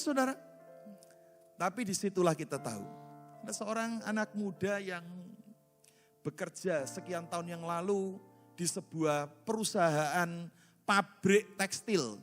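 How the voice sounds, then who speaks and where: A man with a high, bright voice preaches in a church, his words trailing off into a long hall echo. He tells a story, slipping into the voices of the people in it, as soft instruments play behind him. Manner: storytelling, acts out voices in dialogue. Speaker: pastor. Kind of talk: sermon with sung worship. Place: church sanctuary. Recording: church hall reverb with music. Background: musical instrument.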